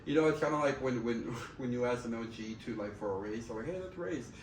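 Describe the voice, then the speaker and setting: A man's voice: mid-range voice, quick pace. Echoey, candid man chatting casually. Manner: candid, profane, slangy, repeats himself. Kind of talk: casual chat. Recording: roomy, distant mic, faint background noise.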